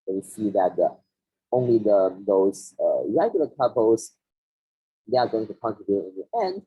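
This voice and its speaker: A man lectures on mathematics over a laptop microphone on a video call. His voice sounds muffled, as if it were coming through a wall, with a husky, breathy edge. He speaks haltingly, with frequent restarts and fillers. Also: on the low side, expressive. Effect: muffled, as if heard through a wall.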